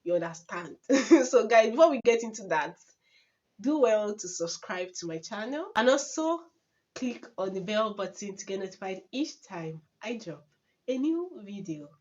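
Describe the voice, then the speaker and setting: A woman's voice: mid-range voice, sing-song, normal speed, a little mellow. A young Nigerian woman with a Nigerian accent tells story-time anecdotes in a casual vlog, dramatic and laughing often. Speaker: vlogger. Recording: dull lo-fi recording.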